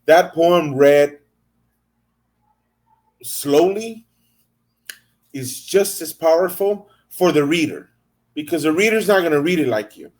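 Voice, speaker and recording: A man's voice: a little high, expressive, slow pace, long pauses. A man hosting an interview, enthusiastic and stammering, repeating words as he searches for what to say. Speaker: interview host. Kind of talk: casual interview chat.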